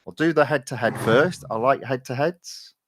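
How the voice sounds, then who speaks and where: Relaxed man commentating a racing stream. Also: medium pitch, moderate pace, a little hiss or hum. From England. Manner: relaxed, chatty, many ums and uhs, reads chat aloud. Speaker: gaming streamer. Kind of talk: casual live-stream commentary while racing.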